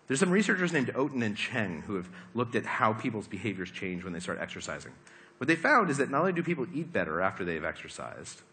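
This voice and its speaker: A man giving a lively talk to a live audience, asking them questions as he explains his points. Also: medium pitch. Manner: animated, asks the audience questions. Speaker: speaker giving a talk on habits.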